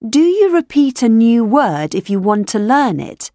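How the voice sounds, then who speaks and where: A woman reading scripted questions for a language lesson recording, enunciating each one clearly. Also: on the high side, big pitch swings, unhurried, mellow, no room sound, studio quality. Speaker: language textbook audio narrator.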